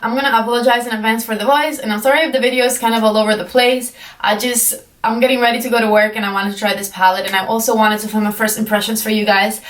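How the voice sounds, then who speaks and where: A woman's voice: fairly high pitch, fairly even intonation, racing, few pauses, far from the mic. A young woman giving a casual makeup tutorial, chatty and apologetic with plenty of fillers, her voice groggy from just waking up. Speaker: beauty vlogger. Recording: echoey room, mic set back.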